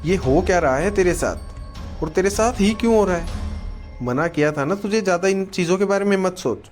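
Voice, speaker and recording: A woman's voice: fairly low pitch, lively intonation, a little fast, a little mellow, faint music behind, voice pushed up, natural voice. A man voicing a worried middle-aged mother who scolds and fusses in a spoken horror story. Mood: scolding. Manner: scolding, fussing.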